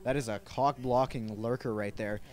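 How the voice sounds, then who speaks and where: A man's voice: mid-range voice, moderate pace. Chatty male esports caster, lots of fillers. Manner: loose and chatty, many "uh" fillers, bursts of excitement. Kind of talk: casual play-by-play commentary.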